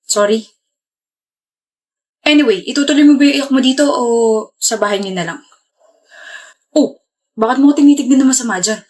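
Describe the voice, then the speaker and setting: A woman playing a blunt, teasing young man in a comedy skit, with a deadpan manner. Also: sits high, moderate pace, long pauses.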